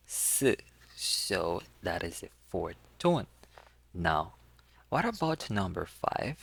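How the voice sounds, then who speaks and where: A low, creaky, sharp-toned male voice belongs to a language tutor giving a casual lesson. He patiently demonstrates sounds and repeats them so learners can copy, in a relaxed teaching walkthrough.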